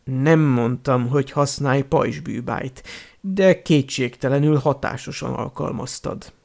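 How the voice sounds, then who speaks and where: A man voicing a cold, sneering male potions teacher in an audiobook, speaking slowly in a hushed, menacing tone. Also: medium pitch, vocal fry, lightly acted. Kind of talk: audiobook character reading.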